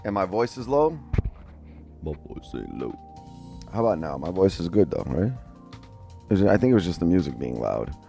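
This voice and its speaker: A day trading streamer with a deep, gravelly, mellow voice talks through his trades on a live stream at a normal speed, his delivery sing-song and broken by frequent pauses. He chats loosely with viewers, swearing now and then into a headset mic, while faint music plays behind him.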